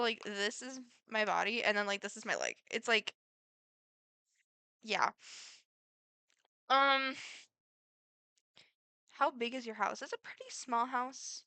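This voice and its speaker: A teenage girl with a Midwestern American accent rambles chattily through get-to-know-me questions in a vlog, using plenty of fillers. Her voice is a little high with a sharp tone and no echo.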